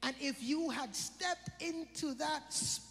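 High-voiced Virgin Islands preacher. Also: male voice, slow, fairly bright tone, long reverb tail, faint music behind. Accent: British Virgin Islands. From British Virgin Islands. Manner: questions the congregation, repeats phrases for emphasis. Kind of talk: sermon.

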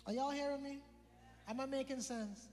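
A man preaches in a very high voice, building his points through repetition and calling out to the congregation. His sermon rings with a long reverb through a church hall. Soft music plays faintly behind him. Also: moderate pace. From British Virgin Islands. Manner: animated preaching with repeated build-ups and asides to the congregation.

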